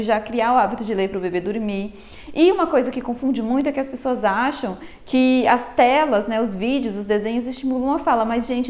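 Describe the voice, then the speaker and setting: Brazilian woman explaining baby speech. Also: a little high. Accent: Brazilian Portuguese. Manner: warm didactic, addresses viewers as "gente". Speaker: pediatric health educator. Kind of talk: explanatory talk to camera.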